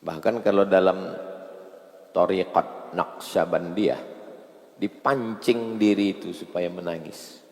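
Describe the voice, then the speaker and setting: A man delivers a sermon, swinging from joking anecdotes to a slow, solemn hush. His low voice has a gravelly fry. It rings out with long reverb across a large hall. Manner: storytelling, animated with jokes, turning slow and solemn. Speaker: preacher. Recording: echoey hall.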